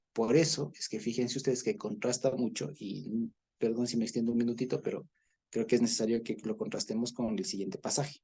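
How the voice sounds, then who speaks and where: A man's voice: medium pitch, creaky, mellow, slightly rough. A man teaching a Bible study, explaining at length, repeating words and checking in with listeners.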